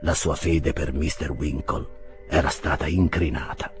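A man reading a classic novel aloud as an audiobook, with expressive storytelling. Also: rumbling low, unhurried, faint music behind. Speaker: audiobook reader. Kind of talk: audiobook narration.

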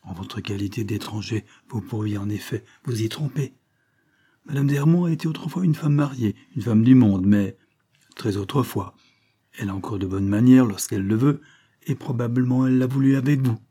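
A polite, uneasy Parisian gentleman, voiced by a male reader in a storybook reading, a bit lower and quieter than the narration. His dark, husky tone is reserved and measured. He answers with careful courtesy. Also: close to an everyday voice.

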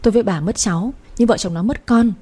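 A woman voicing a calm, gentle older father-in-law in a story. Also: medium pitch, quick pace, slightly rough, natural voice. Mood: reproving.

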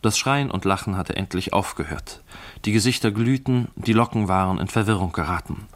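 A man reading a classic novel aloud as narrator, in a measured, clear storytelling manner. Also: lowish voice, music in the background. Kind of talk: scripted literary reading.

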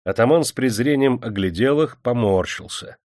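A man narrating an audiobook in a measured, dramatic reading. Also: medium pitch, animated, darkish tone, no echo, clean studio sound.

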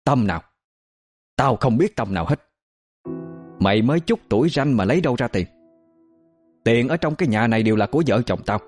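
A spiteful peasant aunt, as a male narrator puts her on, her voice shooting high as she shrieks abuse at a fast clip. The story runs over faint music in the background. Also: big pitch swings, a little mellow. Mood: shrieking. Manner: screeching, scolding, rapid-fire abuse. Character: shrill, cruel middle-aged peasant aunt.

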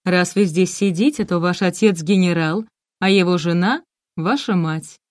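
A woman's voice: on the low side, normal speed, no room sound, clean studio sound, natural voice. A woman reading the lines of a cold, condescending middle-aged woman who never wanted her children, in an audiobook. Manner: cool, dismissive, condescending.

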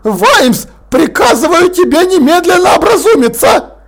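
A pompous, blustering lord, as a male reader puts him on, bellowing in an outraged, high-pitched squawk. His voice leaps up sharply and stays loud and forceful. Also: sing-song, a little slow, creaky, full character voice. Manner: indignant, shouting.

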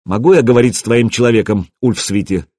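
A man's voice: mid-range voice, quick pace, dark tone, dry recording, clean studio sound, close to an everyday voice. A man voicing a dispassionate Viking chieftain who judges a dispute, in an audiobook. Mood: stern. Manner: dispassionate, stern.

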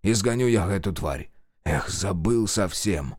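A man voicing a gruff, curt fifteen-year-old village sorcerer in an audiobook. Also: low voice, lively intonation, unhurried, darkish tone, dry recording, clean studio sound. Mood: angry. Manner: gruff, curt, rural dialect. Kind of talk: audiobook character voice.

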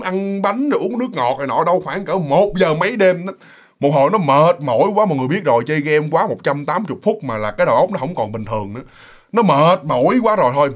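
A man telling a ghost story in a chatty, casual way, speaking straight to his listeners. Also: a little high. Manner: chatty, addresses listeners directly, many fillers.

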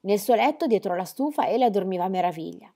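A woman reading a children's novel aloud with expressive storytelling. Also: mid-range voice, fast, creaky. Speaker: reader.

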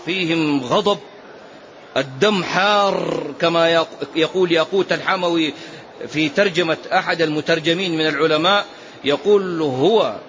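A man teaching a religious lesson as a sheikh, telling stories and urging his listeners with animated exhortations. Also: high voice. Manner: animated storytelling with urgent exhortations. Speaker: sheikh teaching a hadith book. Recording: dull lo-fi recording, faint hiss.

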